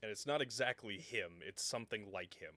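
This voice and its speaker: A man narrating a tabletop game as game master, halting and full of ums and self-corrections. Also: fairly low pitch, bright, forceful tone, no echo.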